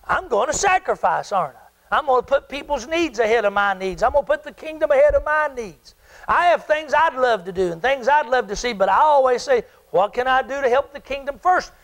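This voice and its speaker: A man's voice: very high voice, animated, brisk, a bit bright, poor audio. An older man preaching a sermon as pastor, often asking his congregation questions and waiting for answers. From South Carolina. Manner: call-and-response preaching, asks the congregation questions.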